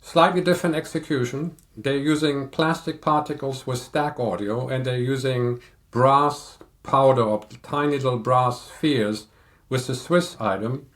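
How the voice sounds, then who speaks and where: A man's voice: mid-range voice, fairly even intonation. Older man explaining audio gear. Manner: explanatory, technical, measured. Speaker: audio reviewer guest. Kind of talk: casual podcast chat.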